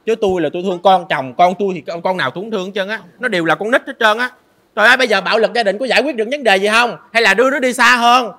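A woman's voice: medium pitch, very fast, sharp tone. An actress playing a stepmother in a comic web drama, emotionally pleading that she loves her husband's child. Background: background music.

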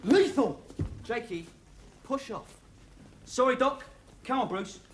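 A man's voice: very high-pitched, expressive, slow pace, heavily acted. An actor playing a cheeky, exasperated airman working as a hospital orderly in a sitcom. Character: put-upon airman orderly, cheeky and flustered. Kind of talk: 1970s sitcom acting. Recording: noisy TV recording with audience laughter.

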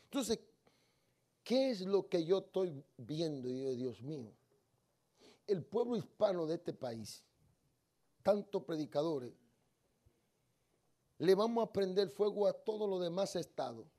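A man preaching a lively sermon in a church, telling funny stories and moving between quiet asides and loud calls to the congregation. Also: high-pitched, unhurried, long pauses. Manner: storytelling, swings between soft asides and loud exhortation. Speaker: guest preacher. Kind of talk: lively Spanish-language sermon with humorous anecdotes. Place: church sanctuary.

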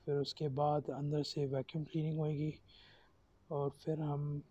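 Talking a little slowly in a husky, rather high voice, a man in his thirties narrates his vlog informally, slipping in English terms. The lo-fi recording, made in a car and on an outdoor cycling track, has steady vehicle and outdoor noise throughout.

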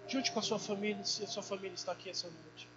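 A man preaching a sermon in a church as the pastor, talking with impassioned fervor that rises into loud prayer. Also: high-pitched, steady tone, fast talker. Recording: dull muffled audio with mains hum.

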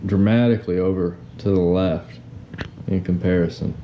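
A young man talking casually about his motorcycle, filling pauses with ums, recorded on an action camera. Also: sits low, dull audio. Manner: relaxed, with frequent ums. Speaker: motorcycle vlogger. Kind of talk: casual vlog narration. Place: garage, then inside a truck on the road. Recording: camera mic with road and engine noise.

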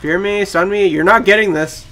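A young man talks through his own match as it happens, rambling and excitable. His voice sits a bit high for a man. Keyboard clicks rattle behind him as he plays. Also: normal speed. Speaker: gaming channel host. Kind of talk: live gameplay commentary. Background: keyboard typing.

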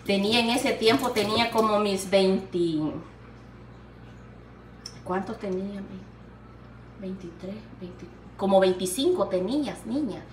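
Slow and pausing often, an older woman with a medium-pitched voice chats to camera while cooking in her home kitchen, upbeat and laughing frequently. The vlogger affectionately calls viewers "niña" and "hija linda." The room is echoey, the mic sits at some distance, and there's a little hiss or hum.

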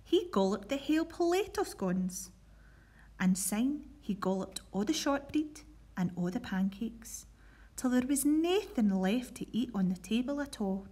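A woman's voice: on the high side, expressive, unhurried, mellow. A woman with a Scottish accent leading a primary school assembly and reading a storybook aloud in an encouraging way.

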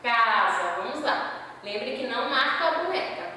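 A woman from Brazil, a preschool teacher teaching a remote class for young children, slowly sounding out syllables and letters one by one. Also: fairly high pitch, animated, bright, forceful tone, slight background noise. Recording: echoey room, voice from a distance.

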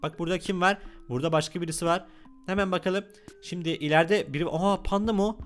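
A man giving playful gameplay commentary as a gaming YouTuber, excitable and playfully whiny. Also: high voice, fast talker, faint music behind.

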